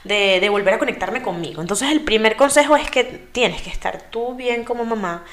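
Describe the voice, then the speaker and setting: A woman with a fairly high voice talks through her parenting advice in an easy chat-show manner. She thinks aloud as she goes, with small restarts and fillers. It comes across as earnest, friendly counsel. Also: normal speed, a bit bright. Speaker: guest giving parenting tips. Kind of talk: casual talk-show chat.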